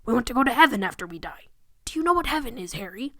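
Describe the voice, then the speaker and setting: A woman's voice: on the high side, lively intonation, fast, a bit bright, no echo, clean studio sound. A woman voicing a huge, friendly, pious man in a story, kindly and earnest in a preachy way.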